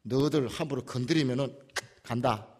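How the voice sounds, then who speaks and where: Pastor voicing a loud Gyeongsang army general. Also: male voice, mid-range voice, moderate pace, voice pushed down, close to an everyday voice. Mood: commanding. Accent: Gyeongsang dialect. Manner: loud, exclaiming, commanding. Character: emotional middle-aged male army general. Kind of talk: dramatized quotes in a sermon.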